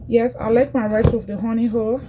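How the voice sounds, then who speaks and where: A woman's voice: fairly high pitch, fairly even intonation, fairly quick, background noise. A woman from Liberia, casually demonstrating cooking in a home kitchen and chatting directly to her viewers, often repeating herself. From Liberia, West Africa. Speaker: cooking vlogger.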